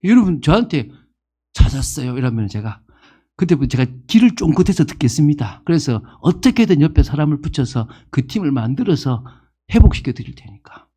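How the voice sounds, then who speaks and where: Animated Korean pastor in his fifties. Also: fairly high pitch, fairly quick, breathy edge. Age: 50s. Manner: animated, asks the congregation questions and acts out quoted people. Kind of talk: sermon.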